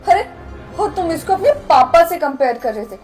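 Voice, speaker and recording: A woman's voice: expressive, normal speed, darkish tone, faint music behind. A woman acting a snobbish young woman who scolds and looks down on poor people in a melodramatic skit. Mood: scornful. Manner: scolding, contemptuous, shrill outbursts. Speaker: actor in a short skit.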